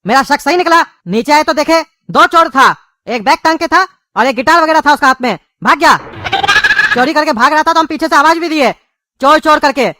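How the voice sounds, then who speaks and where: A woman voicing an irritable, bossy middle-aged father in a cartoon, speaking fast and gruffly. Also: high voice, animated, bright, forceful tone, no echo. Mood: defensive. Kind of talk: cartoon dubbing.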